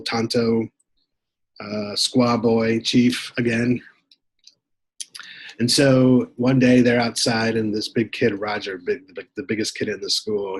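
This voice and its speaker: Husky low-voiced man retelling a book. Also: poor audio. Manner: relaxed retelling with frequent ums and restarts. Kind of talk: casual spoken book summary.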